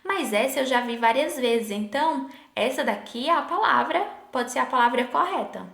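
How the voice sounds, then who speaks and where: A woman teaching a Portuguese lesson, patiently asking her students questions and slowing down to sound out example words. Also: high voice, expressive, creaky, fairly bright tone. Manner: patient, asks the class questions, slows to spell out sample words. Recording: echoey room.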